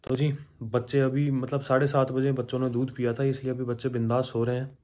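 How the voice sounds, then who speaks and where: A young man, the father of infant twins, talking softly and slowly in a casual home vlog so the babies can sleep. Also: mid-range voice, flat delivery.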